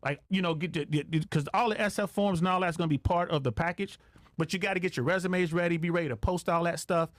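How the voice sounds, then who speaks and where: A middle-aged retired air traffic controller talks fast in a high voice with fairly even intonation, and there's no echo. Appearing as a podcast guest, he keeps it casual and slangy, repeating phrases to hammer his points home.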